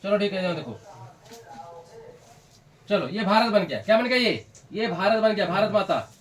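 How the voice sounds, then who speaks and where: A man's voice: high-pitched, expressive, normal speed, fairly bright tone. A young man teaching a classroom lesson, repeating points, quizzing students, scolding and joking with them. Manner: repetitive, drills students with questions. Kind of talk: classroom lecture.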